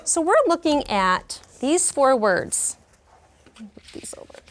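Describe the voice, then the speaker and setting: Taking things slowly, a woman elementary school teacher guides young children through a classroom lesson, very animated and expressive as she prompts them with questions. Her voice sits high.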